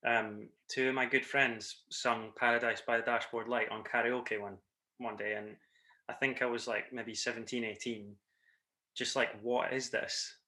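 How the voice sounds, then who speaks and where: A man's voice: mid-range voice, level tone, moderate pace, bright, forceful tone. A man with a Scottish accent, a theatre performer chatting casually as an interview guest. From Scotland. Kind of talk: casual group interview chat.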